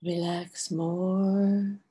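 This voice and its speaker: Older woman, guided meditation, soft hushed soothing voice, mellow, even and low-key pitch. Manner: soft, hushed, slightly breathy, soothing delivery with long pauses. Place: bright room at home, indoors. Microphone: video call microphone.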